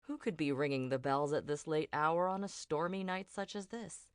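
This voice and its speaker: A woman's voice: sits low, fairly even intonation, normal speed, smooth, no echo, lightly acted. A woman voicing a handsome, vain young male prince with a rich voice and commanding manner in an audiobook. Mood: puzzled. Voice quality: rich, masculine. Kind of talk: audiobook character voice.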